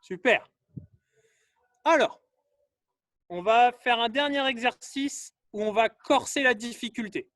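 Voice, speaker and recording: High-voiced man calling workout drills. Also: a bit bright, dry recording, clean studio sound. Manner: calls out drills and colors in short bursts, urging participants faster. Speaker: fitness coach. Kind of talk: live online workout class.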